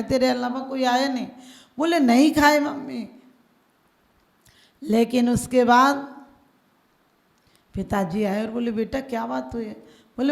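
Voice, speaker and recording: A woman delivers a storytelling sermon, voicing the characters in her tales and slipping into chanted verse. Her voice sits fairly high and has a gravelly edge. The sound carries the echo of a large hall. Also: darkish tone. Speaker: Jain nun preacher. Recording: echoey hall.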